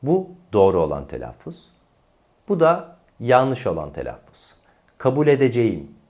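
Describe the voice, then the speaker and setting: A man teaching a diction lesson, slowly and deliberately demonstrating right and wrong pronunciations. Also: deep voice, huge pitch swings, a little mellow.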